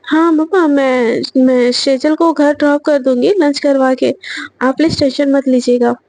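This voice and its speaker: A woman voicing a gentle, patient young woman boss in a storybook reading, soft and coaxing. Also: sits high, fairly even intonation, a little slow, dry recording. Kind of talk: storybook narration with voiced parts.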